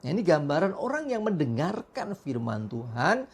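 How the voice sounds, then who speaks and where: A woman leading a morning devotion, praying and reading scripture slowly, then explaining it in an earnest, emphatic way. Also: sits low, big pitch swings, husky. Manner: earnest, slow deliberate reading, brisker emphatic asides.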